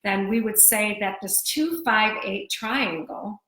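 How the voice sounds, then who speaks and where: A woman's voice: medium pitch, slow pace, a bit bright. A woman co-hosting a live video stream, explaining a book she wrote in a teaching tone. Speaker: co-host and author. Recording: roomy echo.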